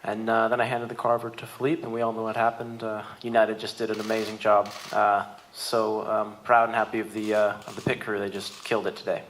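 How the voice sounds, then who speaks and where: Man, racing driver, fast talker, eager, press conference. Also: on the low side, monotone, a bit bright, slight background noise. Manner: quick, eager telling, praising the team.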